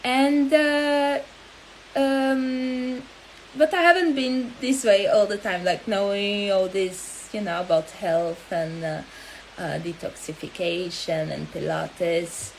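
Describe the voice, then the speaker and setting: Slow, halting woman. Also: medium pitch, fairly even intonation, slight background noise, rough recording. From Angola. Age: 30s. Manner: halting and hesitant, with many pauses. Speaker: health coach. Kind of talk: live-stream talk.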